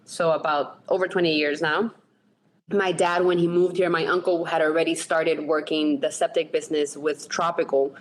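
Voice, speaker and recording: A woman's voice: low voice, level tone, normal speed, slight background noise, low-quality recording. A woman from Latin America in her thirties or forties, a business co-owner chatting in a podcast interview, laughing easily and correcting herself as she goes. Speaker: co-owner, operations manager.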